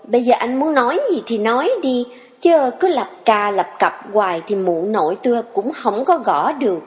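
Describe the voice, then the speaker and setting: A woman's voice: high-pitched, a little mellow, in a large hall, pitched above the performer's own voice. A woman playing a sassy young farm girl. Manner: teasing, quick-tempered scolding. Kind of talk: audio drama reading.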